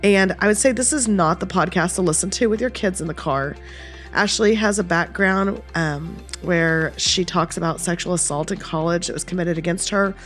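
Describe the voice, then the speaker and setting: A woman's voice: lowish voice, moderate pace, fairly bright tone, soft background music. A woman in her late forties hosting a podcast in a casual, chatty interview style, with a head cold in her voice. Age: late 40s. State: has a cold. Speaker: podcast host.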